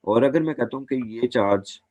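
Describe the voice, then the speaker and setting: A man's voice: mid-range voice, a little fast, darkish tone, no echo. A man teaching a physics lesson as a classroom lecture, patient and repeating points, calling his students "beta".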